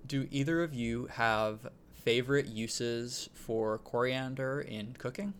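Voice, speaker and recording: A man hosting a casual podcast and explaining things in a relaxed way, with frequent ums. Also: mid-range voice, slow pace, a little hiss or hum. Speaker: podcast host. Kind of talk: casual chat.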